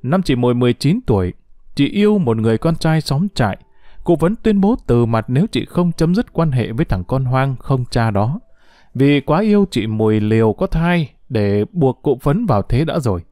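A man reading a short story aloud as a storyteller, expressive and lively, close to the mic. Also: normal speed, no room sound. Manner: expressive reading with lively pitch, voicing quoted characters. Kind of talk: scripted narration of a short story.

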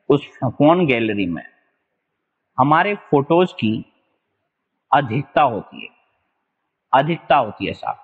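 A man from Rajasthan teaching English vocabulary for exams, mixing Hindi and English and repeating words slowly to stress them. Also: mid-range voice, slightly rough, big-room sound, phone-quality sound. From Rajasthan, India. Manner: explains in a mix of Hindi and English, drawn-out repeated words, spells out letters. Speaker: exam-prep English teacher. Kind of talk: online vocabulary lesson.

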